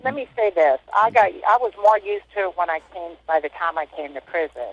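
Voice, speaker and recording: A woman's voice: lowish voice, expressive, fairly quick. Woman in her sixties on a prison phone. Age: 60s. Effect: muffled prison phone line. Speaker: inmate interviewee. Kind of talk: casual recollection. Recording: dull lo-fi phone call.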